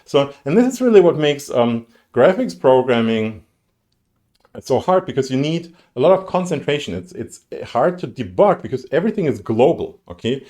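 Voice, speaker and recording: A man's voice: mid-range voice, very animated, moderate pace, warm tone. A man giving a university lecture, talking conversationally with many fillers, restarts and dry sarcasm. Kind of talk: recorded lecture on graphics programming. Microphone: streamed lecture mic.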